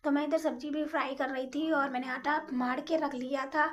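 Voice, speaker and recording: Fast-talking high-voiced woman vlogger. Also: level tone. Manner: rapid, chatty, apologizes for talking fast. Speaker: home vlogger. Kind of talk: casual cooking voice-over.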